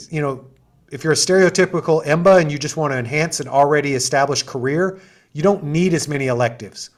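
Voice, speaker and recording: On a video call, a middle-aged assistant dean runs an info session, describing programs with chatty enthusiasm and lots of asides and fillers. His voice is a little high.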